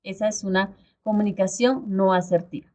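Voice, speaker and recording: A woman's voice: mid-range voice, steady tone, normal speed, dark tone. A woman teaching an online class, explaining step by step and often checking in with her listeners. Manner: explanatory, frequent check-ins with "¿sí?" and "¿cierto?". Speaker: instructor. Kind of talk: online video lecture. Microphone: video call.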